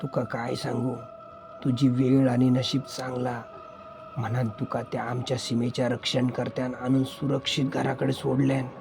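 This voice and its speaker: A man's voice: medium pitch, level tone, moderate pace, creaky, over music, lightly acted. A man voicing a protective middle-aged village father who speaks with concern and a Malvani accent. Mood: hushed.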